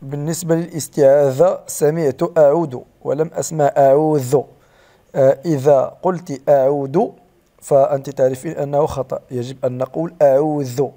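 A man teaching Quran recitation, patiently correcting his students and slowly modeling the right pronunciation. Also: on the high side, fairly even intonation, dark tone.

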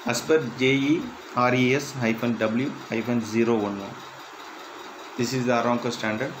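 A man reading interview questions and answers aloud in a plain, measured way, with slightly halting phrasing. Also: mid-range voice, steady tone, noisy background. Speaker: instructor.

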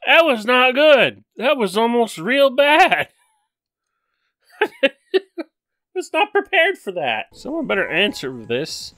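A man hosting a let's play, commenting on a video game with excitable, yelping reactions. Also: very high voice, slow pace, long pauses, no room sound.

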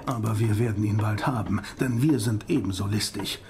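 An actor playing a determined, commanding vampire-hunting professor in an audio drama, grave and urgent. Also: male voice, on the low side, moderate pace, creaky, a little mellow, a little hiss or hum. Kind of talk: German audio drama acting. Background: music.

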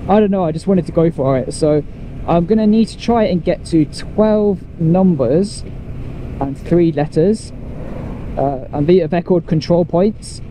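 A man's voice: fairly high pitch, a little slow, dark tone, poor audio. Chatty man vlogging from a motorbike. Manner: chatty, rambling, explains step by step. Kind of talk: casual chat to camera while riding. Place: outdoors on a motorcycle by the road. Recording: faint road and traffic noise.

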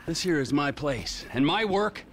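Trevor, a ranting unhinged criminal. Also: male voice, on the high side, animated, normal speed, fairly bright tone, slight background noise. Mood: bitter. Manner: explosive, ranting, swears constantly. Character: unhinged violent middle-aged male criminal. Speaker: volatile criminal character. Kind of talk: video game cutscene acting.

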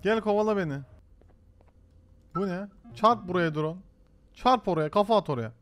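A man streaming a horror game live, loudly exasperated and bantering with his chat. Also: high-pitched, moderate pace. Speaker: gaming streamer. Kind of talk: live gameplay commentary.

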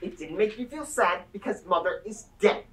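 A young woman acting a literal-minded teenage boy on stage, speaking flatly and matter-of-factly. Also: medium pitch, normal speed, close to an everyday voice, rough recording. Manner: flat, literal, matter-of-fact.

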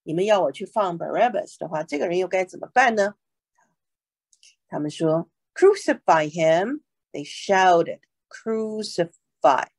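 A woman teaching a Bible lesson in two languages. She reads English verses slowly and then explains them, with frequent "OK" fillers. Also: fairly low pitch, gravelly, dry recording.

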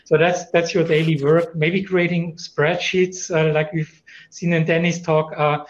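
A man's voice: fairly high pitch, flat delivery, measured pace, lo-fi sound. A man with a German accent speaking as a panelist in a conference discussion over a video call, thoughtful, with many fillers and restarts.

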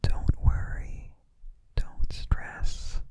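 A young man gives a soothing ASMR pep talk of affirmations in a breathy whisper close to the microphone, repeating drawn-out phrases. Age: young adult. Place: small dim indoor room. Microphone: studio microphone close to the mouth, binaural.

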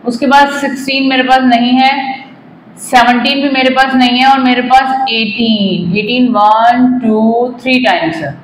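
A commerce teacher in her forties explains a maths lesson at a classroom whiteboard, mixing in English phrases and addressing students politely. Her slightly high voice is steady and a little slow, recorded on a lapel mic in an echoey classroom with a bit of hiss or hum.

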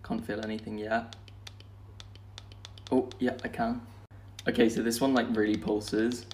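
A man's voice: fairly low pitch, level tone, a little slow, a little mellow, slight background noise. A young man talking casually to camera as he tries out a gadget at home. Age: young adult. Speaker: social media creator trying a gadget.

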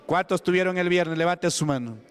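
A man's voice: high voice, a little fast, clear, resonant tone. A man with a Peruvian Spanish accent preaching an evangelical sermon, emphatic, calling out questions to the congregation. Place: church hall. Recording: long hall reverb.

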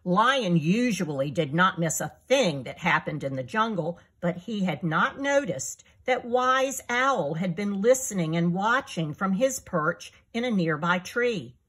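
A woman reads her own children's story aloud in an expressive storyteller manner. Her pace is slow and her voice a little breathy. Her pitch moves in lively rises and falls. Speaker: author reading her book.

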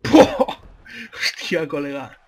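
A man with a Spain Spanish accent doing excitable let's-play commentary, yelling and swearing at the game. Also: a little high, slow, gravelly, a little hiss or hum. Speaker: gamer.

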